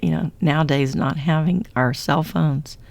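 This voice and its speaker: Low-voiced woman co-host, rambling chat. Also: fairly even intonation, normal speed, gravelly, a little mellow, no echo. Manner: rambling, self-correcting, laughs often. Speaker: podcast co-host; therapist or coach with clients. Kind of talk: casual chat.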